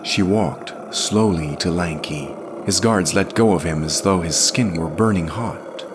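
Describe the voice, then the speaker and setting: A man narrating a scripted fantasy story in a measured, expressive reading. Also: sits low, noisy background.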